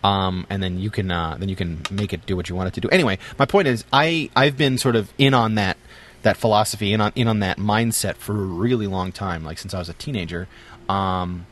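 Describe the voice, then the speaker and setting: A man's voice: low-pitched, brisk, fairly bright tone, a little hiss or hum. A middle-aged man co-hosting a podcast, reminiscing in casual chat with jokes and lots of fillers. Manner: storytelling, joking, many fillers.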